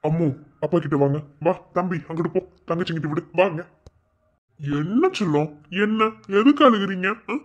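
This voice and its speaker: A man with a Madurai Tamil accent voicing a village brother-in-law and doting father in a cartoon, joking with family and softly coaxing his child. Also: extremely high pitch, quick pace, highs cut off. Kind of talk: cartoon voice acting.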